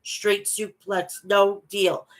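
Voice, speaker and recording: A woman draws out her words in a level, mid-range voice made nasal by a bad cold and stuffy nose. She is hosting a casual wrestling recap, going through match results and chatting with viewers.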